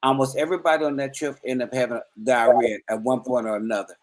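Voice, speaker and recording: A man's voice: medium pitch, steady tone, quick pace, poor audio. A man co-hosting a casual chat, explaining his point earnestly and at length, often repeating words as he goes. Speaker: co-host.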